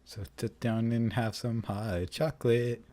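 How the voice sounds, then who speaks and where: A man's voice: mid-range voice, steady tone, unhurried, warm tone. A young man hosting a casual podcast chat, joking and laughing often. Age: young adult. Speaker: podcast host.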